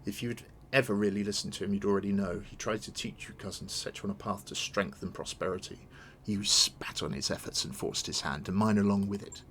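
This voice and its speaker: A man's voice: fairly low pitch, fairly quick, fairly bright tone, a little hiss or hum. A man voicing a proud, scornful captured villainess from a video game, with the threatening manner of a sputtering foiled villain. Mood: bitter, menacing. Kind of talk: dramatic read-aloud of video game dialogue.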